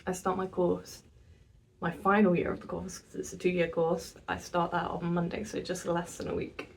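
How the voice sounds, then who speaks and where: 19 y/o girl vlogging, chatty and self-deprecating, lowish voice, mic a bit far off. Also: monotone, moderate pace. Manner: chatty, self-mocking, laughs often. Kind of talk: casual vlog chat.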